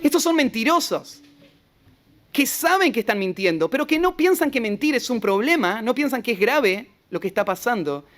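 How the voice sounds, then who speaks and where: A man's voice: very high voice, very animated, normal speed, a bit bright. A man with a Rioplatense Argentine accent, preaching an expository sermon as pastor, retelling scripture with rhetorical asides and often repeating short words. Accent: Rioplatense Argentine Spanish.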